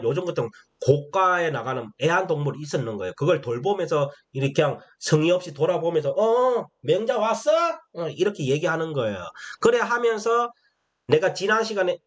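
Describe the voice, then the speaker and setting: A man gives a lesson on a classical text. His voice sits fairly high for a man, and he keeps prompting listeners with rhetorical questions. He speaks into a camera in a plain recorded lesson. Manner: explains with many rhetorical questions. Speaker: teacher. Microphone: camera-facing recording.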